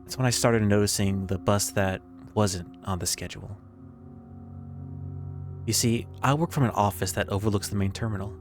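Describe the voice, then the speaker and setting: A man narrating a scripted first-person horror story in a measured, creeping, suspenseful way with pauses. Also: lowish voice. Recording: background music under the voice.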